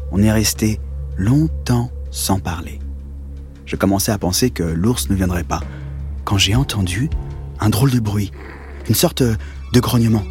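A man narrating a children's audio story in the first person with calm, expressive scripted delivery. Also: lowish voice.

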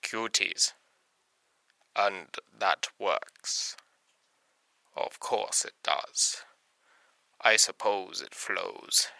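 A man's voice: fairly low pitch, extremely slow, gravelly, long pauses, pushed and bright, dry recording, full character voice. A man voicing a pompous, fussy male professor character who talks in grand, archaic phrases. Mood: haughty. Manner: pompous, theatrical, archaic words. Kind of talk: comedic podcast intro in character.

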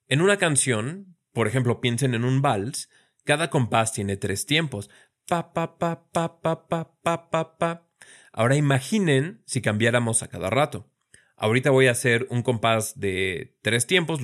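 A man teaching in a clear, explanatory way, slowing down to sound out words syllable by syllable, with a light humorous aside now and then. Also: medium pitch, fairly bright tone. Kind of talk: scripted educational explanation.

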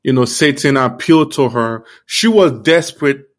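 A man giving an earnest, informal sermon, repeating himself often and filling pauses with "you know". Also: medium pitch, expressive. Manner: earnest, repetitive, many fillers like "you know". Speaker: preacher.

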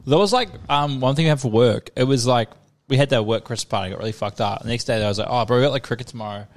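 A young man with a medium-pitched voice. He talks casually and laddishly, leaning on slang and swear words. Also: fast talker. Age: young adult. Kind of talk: casual chat.

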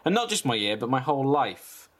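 A man, deadpan in a comedic casual chat as podcast co-host. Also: mid-range voice, fairly quick. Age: 20s. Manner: deadpan, reading a list with asides.

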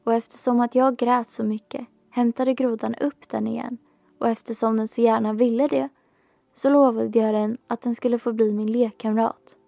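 Spoiled young princess read by a woman, fretful, complaining, fairly high voice. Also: flat delivery, creaky, warm tone, no room sound.

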